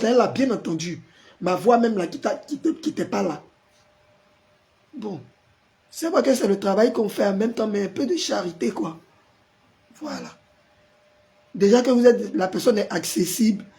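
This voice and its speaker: Hoarse man, high voice, strained throat, chatty live-stream pastor greeting viewers. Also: mellow. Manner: strained, forcing his voice out; chatty, greets viewers by name and answers comments.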